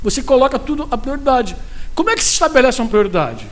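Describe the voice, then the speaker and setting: A man with a Brazilian Portuguese accent preaching at a pastors' conference, animated and talking straight to his listeners with frequent asides. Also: extremely high pitch, quick pace.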